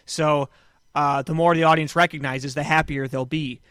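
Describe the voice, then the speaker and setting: A man hosting a podcast from a couch, chatting casually with rambling, deadpan jokes. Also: a little high, normal speed, clear, resonant tone, no room sound, clean studio sound. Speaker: podcast host. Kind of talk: casual chat. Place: small room on a couch.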